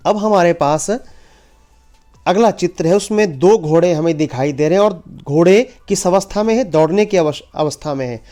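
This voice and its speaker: Male teacher, somewhat high voice, unhurried drill delivery, soft music beneath. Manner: slow, drills pronunciation by repeating words. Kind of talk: online Sanskrit lesson in Hindi.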